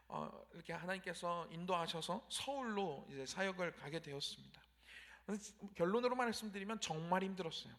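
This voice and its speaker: A young man preaching in a high voice with a gravelly edge. He talks straight to his congregation and acts out earnest, pleading prayers. His sermon rises and falls with feeling. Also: a bit bright. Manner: preaching with frequent direct address to the congregation. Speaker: pastor.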